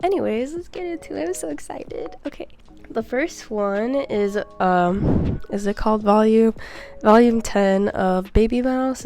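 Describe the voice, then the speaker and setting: Close to the mic, a young book vlogger chats through a casual book haul, rambling and giggling. Her medium-pitched, slightly mellow voice is congested and stuffy from a cold.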